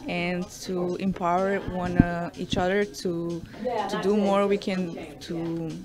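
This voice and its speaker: Young woman. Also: mid-range voice. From Serbia. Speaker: model interviewee. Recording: noisy crowd chatter behind.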